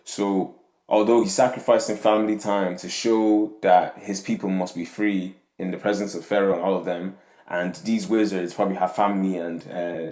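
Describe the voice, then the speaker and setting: In an echoey room, a young Nigerian podcast host with a deep, somewhat dark voice rambles through a casual monologue about faith and community. He keeps tagging his lines with "yeah?" and "you know what I'm saying."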